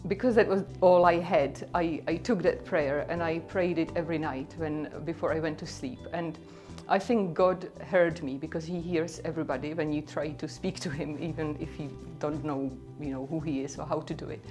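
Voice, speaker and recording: A woman's voice: low voice, fairly even intonation, normal speed, few pauses, a little mellow, faint music behind. A woman from the Czech Republic, speaking English with a Czech accent, tells her personal testimony in an earnest, conversational way full of "like" and "you know.". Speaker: speaker sharing her faith story.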